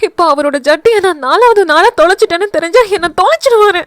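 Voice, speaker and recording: A woman voicing an anxious, dramatic young wife who wails and scolds in a shrill voice. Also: lively intonation, fast talker, a bit bright, no room sound, studio quality. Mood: wailing, indignant. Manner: shrill and wailing.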